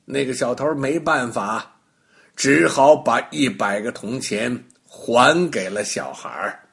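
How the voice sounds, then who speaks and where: Slow gravelly grandpa storyteller. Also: male voice, medium pitch. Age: older. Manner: slow, lively storytelling with playful asides. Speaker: storyteller for children. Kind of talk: children's bedtime story narration.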